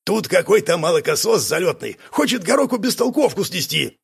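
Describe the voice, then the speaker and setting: A man's voice: high voice, big pitch swings, brisk, vocal fry, slightly rough, voice pushed up, heavily acted. A man voicing a cheeky, coarse short crossbowman in an audiobook, jeering in slang. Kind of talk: audiobook character voice.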